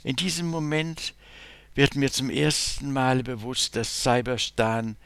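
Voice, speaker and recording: A man giving an expressive literary reading of a first-person letter, swelling in loudness on emphatic phrases. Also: medium pitch, measured pace, vocal fry, clean tone, dry recording. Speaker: reader.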